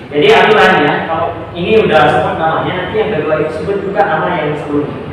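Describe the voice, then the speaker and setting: A man's voice: fairly high pitch, fast. A male school counselor leading a group counseling session, patiently explaining and checking that everyone understands. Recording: echoey room from far off, noisy.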